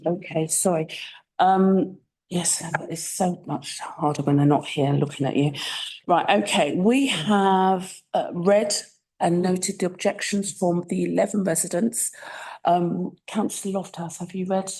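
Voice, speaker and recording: A woman with a London accent chairing a council licensing hearing, brisk and direct. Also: lowish voice, fairly even intonation, darkish tone, low-quality recording. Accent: London English. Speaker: committee chair. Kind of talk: chairing a formal meeting. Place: council meeting room.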